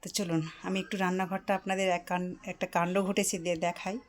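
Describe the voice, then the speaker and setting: A woman's voice: fairly low pitch, flat delivery, fast talker. A middle-aged woman, chatting casually to her phone camera as she cooks at home. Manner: chatty, running commentary while cooking. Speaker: vlogger, mother cooking at home. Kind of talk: casual home cooking vlog. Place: home kitchen, indoors. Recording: echoey kitchen with faint frying noise.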